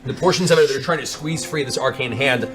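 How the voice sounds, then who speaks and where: A man serving as game master narrates a tabletop fantasy game in a descriptive, dramatic storytelling style. His voice is medium-pitched and he talks quickly, with background music playing under him.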